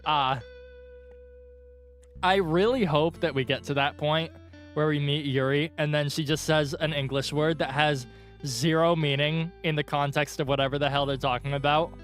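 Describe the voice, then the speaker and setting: A man's voice: a little high, fairly even intonation, normal speed. A young man live-streaming a visual novel, reacting with laughter, disbelief and casual swearing. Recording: faint guitar music underneath. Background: soft guitar music.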